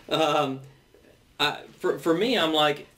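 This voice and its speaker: A man's voice: on the high side, big pitch swings, extremely slow, a bit bright, distant mic, a little hiss or hum. A man hosting a panel debate, talking at length and often repeating and restarting his words. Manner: long-winded, stumbles and repeats words. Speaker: host.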